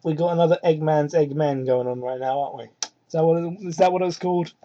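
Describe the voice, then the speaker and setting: A host does a mocking dramatic reading of fan fiction, piling on sarcastic, incredulous asides and theatrical emphasis. He talks fast in a dark tone. The cheap microphone makes the audio muffled and low quality, with a little hiss or hum.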